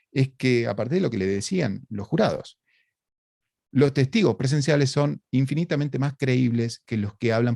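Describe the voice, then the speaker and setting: A man with an Argentine Spanish accent lectures over a video call in a relaxed, explanatory way, often checking in with rhetorical questions. His voice sits at an ordinary pitch for a man. The sound is dry, with no room echo.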